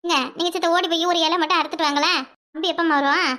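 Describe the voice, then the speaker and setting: A woman's voice: very high voice, steady tone, quick pace, bright, forceful tone. A woman voicing a bossy older mother-in-law in a cartoon, giving household orders. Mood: ordering.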